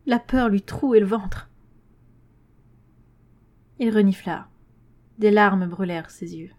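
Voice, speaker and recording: A woman narrating a horror story with a measured, tense reading at a middle pitch. Her delivery stays even and controlled.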